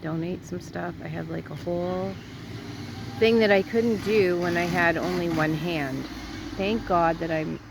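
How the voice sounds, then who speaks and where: A middle-aged woman talks in a loose, rambling way, full of fillers and laughs. Her voice sits low and gravelly, raspy from a sore throat. A faint hiss of background noise runs under the recording. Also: unhurried. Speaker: vlogger. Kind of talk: casual storytelling chat.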